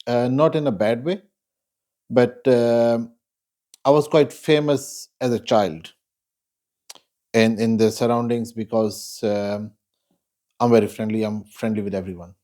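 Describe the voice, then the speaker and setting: A man, a guest telling his life story in an interview. His voice is warm and mellow, and he talks in a measured, reflective way, often pausing to think. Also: medium pitch, steady tone. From Pakistan.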